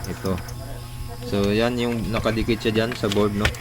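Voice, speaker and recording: Working hands-on, a Filipino-accented host of an electronics repair tutorial walks informally through each step. He speaks at a moderate pace in a lowish voice with fairly even intonation, over background noise.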